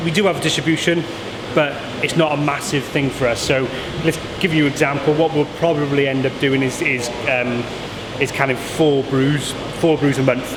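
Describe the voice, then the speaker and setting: A man's voice: medium pitch, fairly even intonation, moderate pace. A man informally answering interview questions as a brewer showing visitors around. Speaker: brewer giving a tour of the brewery. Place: inside an echoey working brewery. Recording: echoey, noisy brewery with machinery hum.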